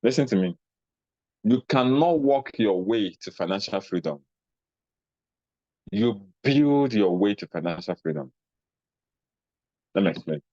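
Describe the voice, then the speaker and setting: A man with a Nigerian accent giving a motivational talk, animated, acting out little scenes in a raised voice. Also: on the low side, a little slow, long pauses, no echo, muffled recording. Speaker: speaker on personal finance.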